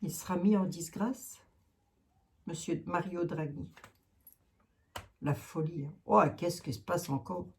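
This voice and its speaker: A woman's voice: lowish voice, measured pace, long pauses, a little mellow, slight background noise. A woman giving a casual tarot reading to her viewers, thinking aloud with many fillers and asides. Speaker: tarot reader.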